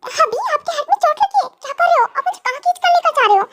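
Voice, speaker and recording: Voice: very high voice, normal speed, pushed and bright, full character voice. A reader voicing a timid, clingy pregnant young woman in an amateur fan dub, pleading and whiny. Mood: worried.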